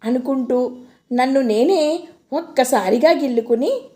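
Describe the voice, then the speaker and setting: A woman narrating a romantic novel as an audiobook, telling it in the first person with expressive storytelling. Her voice sits high, with a mellow, soft tone. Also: measured pace.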